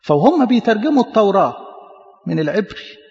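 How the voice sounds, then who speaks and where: High, fast Egyptian preacher, gravelly. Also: male voice, very animated, darkish tone. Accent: Egyptian Arabic. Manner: emphatic, explanatory, stammers on repeats. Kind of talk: sermon teaching. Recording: echoey hall, muffled lo-fi.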